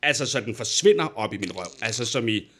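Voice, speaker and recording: This man, co-hosting a podcast, has a mid-range, slightly rough voice. He relates a personal anecdote in a relaxed way, performing the quoted voices of the people involved with lively energy.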